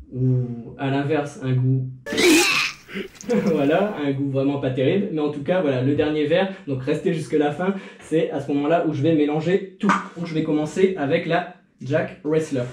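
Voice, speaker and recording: A man's voice: a little high, warm tone. Chatty man in an echoey room. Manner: chatty, rambling with fillers and restarts. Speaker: video creator. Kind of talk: casual tasting vlog to camera.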